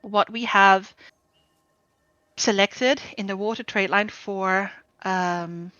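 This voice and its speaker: A woman guild trainer explaining a game build over group voice chat, steady and explanatory with frequent ums. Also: mid-range voice, takes it slowly, clear, resonant tone, no room sound. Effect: group voice chat audio. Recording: dull lo-fi voice chat mic.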